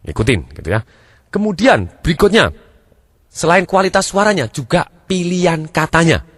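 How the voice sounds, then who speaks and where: A man's voice: sing-song, normal speed, fairly bright tone, no echo, studio quality. A man giving a sales training lesson, acting out examples and shifting his delivery to demonstrate. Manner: demonstrative, acts out examples, shifts pitch and pace to show.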